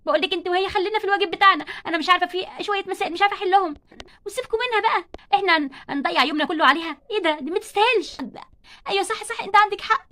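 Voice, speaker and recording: A woman's voice: extremely high pitch, rapid-fire, pushed and bright, a little hiss or hum. A woman with an Egyptian accent voicing snooty schoolgirls who sneer at a classmate in a doll play story. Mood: mocking. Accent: Egyptian Arabic. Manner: sneering, scornful. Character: mean mocking schoolgirls, snooty and catty.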